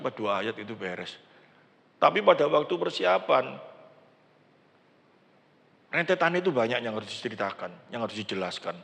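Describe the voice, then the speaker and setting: An older man preaching a sermon in a large church, acting out quoted prayers with animated delivery. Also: medium pitch, creaky. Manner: animated preaching, acts out quoted prayers, mixes in Javanese words. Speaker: pastor. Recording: church sound system with long hall reverb.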